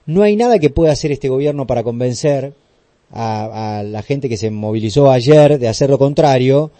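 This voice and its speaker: A mellow, dark-toned Argentine man hosts a radio interview, recorded dry and close with no room sound. He talks loosely and conversationally, padding his questions with fillers. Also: medium pitch, lively intonation, normal speed, no echo. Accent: Argentine Spanish. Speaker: radio host.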